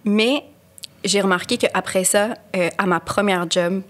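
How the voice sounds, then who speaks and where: A woman's voice: mid-range voice, fairly even intonation, unhurried. A woman with a Quebec French accent, co-hosting a casual podcast chat, telling stories with voiced quotes, laughs and English words. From Canada. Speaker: podcast co-host.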